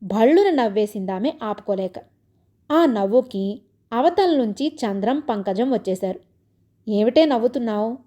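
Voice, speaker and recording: Calm mellow woman storyteller. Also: measured pace. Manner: calm, lower-pitched narration. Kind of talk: reading a comic short story aloud.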